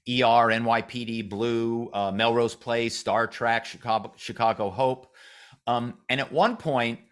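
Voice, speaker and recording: A middle-aged man from Philadelphia tells stories from his past in a podcast interview. He talks at a middle pitch and slips into quick impressions of the people he quotes. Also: clear, resonant tone. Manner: animated storyteller, acts out quoted voices. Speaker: podcast guest, author and former corporate spy. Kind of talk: storytelling interview.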